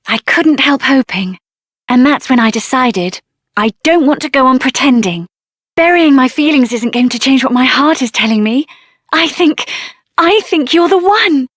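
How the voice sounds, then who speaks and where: An actress uses a high voice to play a spirited, headstrong young adventurer in a video game, sounding expressive and earnest with a tender side. The studio-quality recording has no room sound.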